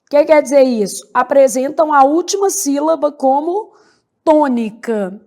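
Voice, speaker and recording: Woman teaching grammar; high, slow delivery, checks in with her class after every point. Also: animated, darkish tone. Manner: slow, spells out words syllable by syllable, frequent "né?" and "beleza?". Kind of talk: grammar lecture.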